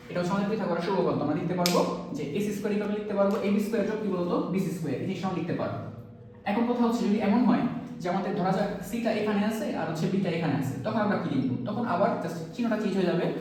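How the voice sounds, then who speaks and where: Teacher talking quick, always asking "get it?", sounds far off in a big echoey room. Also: mid-range voice, darkish tone. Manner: keeps quizzing students with quick rhetorical questions; repeats key terms to drill them in. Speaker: math teacher. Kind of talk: classroom-style math lesson.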